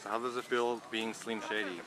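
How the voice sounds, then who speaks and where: A man's voice: fairly low pitch, fairly even intonation, fairly quick, crowd noise. A young man filming a vlog behind the scenes, teasing and joking with swearing. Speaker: vlogger, holding the camera. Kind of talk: casual chat.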